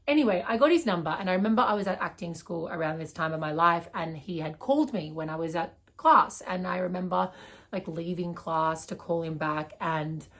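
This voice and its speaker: A woman's voice: lowish voice, fairly quick, a bit bright. A young woman in her twenties with an Australian accent, telling a personal story in a casual, rambling way, full of "like" and "um". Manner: rambling, heavy use of "like" and "um".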